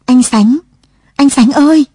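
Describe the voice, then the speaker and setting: A woman's voice: mid-range voice, lively intonation, a little fast, mellow, slightly rough, no room sound, clean studio sound. A woman voicing a bewildered, tearful young mother searching for her husband, in a read-aloud story. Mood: crying out. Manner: pleading, tearful.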